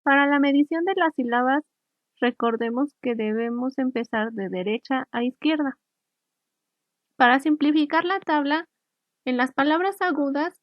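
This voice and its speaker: Woman teacher explaining slowly and clearly, kinda high voice, dull muffled audio. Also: dry recording. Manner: clear, measured explaining with occasional restarts. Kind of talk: recorded online lesson. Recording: dry, slightly muffled recording.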